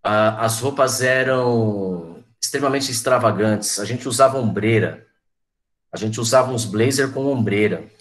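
A man's voice: mid-range voice, unhurried. A man in his forties, a teacher chatting to his online class, reminiscing and calling on students by name. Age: 40s.

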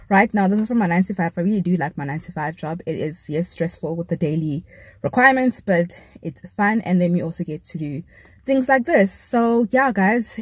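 A young woman in her twenties, a travel journalist talking casually and excitedly to her vlog audience in loose, rambling sentences. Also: on the low side, breathy edge, dry recording. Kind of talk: casual vlog talk to camera.

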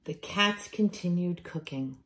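With a lowish voice, a middle-aged woman reads a picture book to young children inside her home, using a deliberate, expressive storytelling style.

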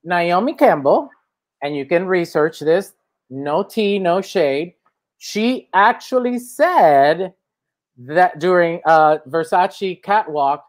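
Playful Spanish-accented male host. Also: high-pitched. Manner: playful, rambling, theatrical. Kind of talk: casual chat show.

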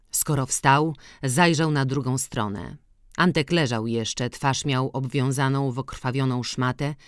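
Brief: woman audiobook narrator, slow and steady, mid pitch, dry studio sound. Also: no echo. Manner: slow, measured, even reading. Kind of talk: scripted narration of a classic novel.

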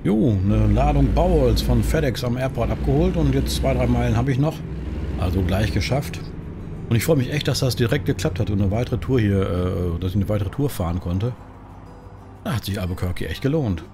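With music playing and vehicle noise clearly audible, this middle-aged host from Germany narrates his truck-driving game in character. He talks a bit quickly in a medium pitch, lively and casual in his colloquial banter.

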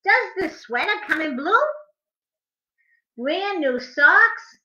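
At home in her living room, a middle-aged woman speaks and reads aloud for a preschool storytime, using an emphatic sing-song. Her pitch is extremely high, her tone bright and forceful, and she delivers expressively at a slow pace. Captured by a webcam or laptop at arm's length, the audio is dull with room echo.

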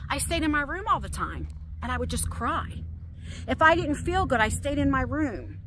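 A middle-aged woman speaks in a confessional vlog with a high, bright, sharp-edged voice. She talks in an emotional, rambling way, often restarting her sentences as she paces. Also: lively intonation, moderate pace, a little hiss or hum. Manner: pacing while talking. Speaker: vlogger.

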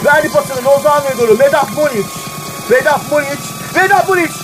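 A man streaming a football video game, groaning at misses and shouting players' names when they near the goal. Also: very high-pitched, fairly even intonation, normal speed, noisy background. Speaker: gaming channel host. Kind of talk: excited gameplay commentary. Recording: game music loud behind voice. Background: game music.

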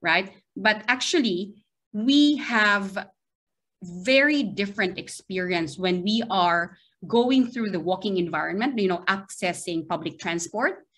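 A middle-aged lecturer from the Philippines speaks unhurriedly in a mid-range, fairly bright voice during a remote academic seminar in a small video-call window. Her Filipino accent is evident, and she hesitates, often adding "right?".

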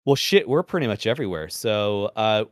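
A man and former radio presenter, chatting as a podcast guest in a measured, deliberate way, projecting from the diaphragm and swearing casually. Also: lowish voice, lively intonation, no echo, studio quality. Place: podcast recording.

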